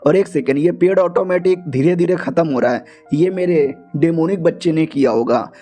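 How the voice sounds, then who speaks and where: A man voicing a cocky, protective young male hero in a low, gruff and casual manner. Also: moderate pace, mellow, soft background music, close to an everyday voice.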